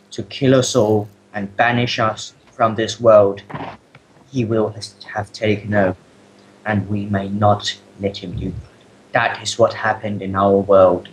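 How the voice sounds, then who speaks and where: Man acting a solemn, slow-talking soldier from the future. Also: lowish voice, level tone, slight background noise, natural voice, poor audio. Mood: ominous, urgent. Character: solemn time-travelling future soldier warning of a dark lord. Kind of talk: improvised video game role-play.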